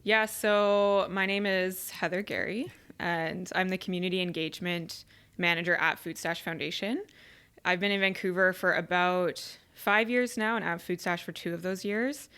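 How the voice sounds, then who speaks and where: A young woman speaks as a podcast guest in an easy, open, talkative way, peppering her sentences with "like". Her voice is smooth and crisp. It sits slightly low for a woman. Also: steady tone, moderate pace, fairly bright tone. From rural Ontario, Canada. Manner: chatty and open, many "like" fillers. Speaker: podcast guest, charity community manager. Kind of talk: casual interview chat.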